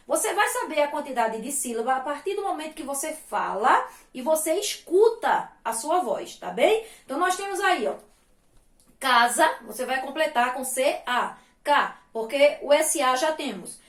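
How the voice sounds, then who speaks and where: A woman's voice: high voice, echoey room. A woman teaching a remote class to young children, patient and sing-song, stretching words out syllable by syllable. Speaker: primary school teacher.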